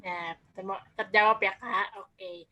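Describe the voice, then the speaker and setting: A woman's voice: medium pitch, fairly even intonation, unhurried, sharp tone, low-quality recording. A woman moderating an online session, reading out audience questions and chatting back. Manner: reads questions aloud and joins the banter.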